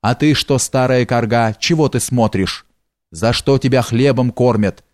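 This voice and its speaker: A man's voice: medium pitch, steady tone, unhurried, darkish tone, no room sound, clean studio sound, close to an everyday voice. A man voicing a sly, fawning male steward in an audiobook, with a coaxing, wheedling way of talking. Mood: alarmed.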